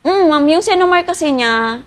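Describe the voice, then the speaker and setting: A woman's voice: high voice, expressive, normal speed. A woman being interviewed, politely recounting a painful story while close to tears. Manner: polite, addresses interviewer as ma'am. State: emotional, near tears. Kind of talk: tearful personal account.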